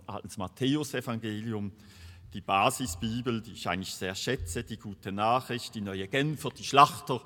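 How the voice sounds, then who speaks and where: A man preaching a sermon in a slow, deliberate way, repeating key words for emphasis. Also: medium pitch, pushed and bright. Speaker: pastor. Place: church. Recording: long reverb of a church hall.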